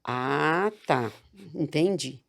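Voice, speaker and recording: A woman in her thirties from Brazil, talking through a personal story in a soft, reflective way with frequent restarts. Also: low voice, expressive, drawn-out words, creaky. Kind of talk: casual chat.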